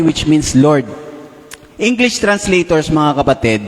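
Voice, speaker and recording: A male preacher giving a sermon, addressing his listeners as brothers and sisters and posing rhetorical questions. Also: sits high. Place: large worship hall. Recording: long reverb of a big hall.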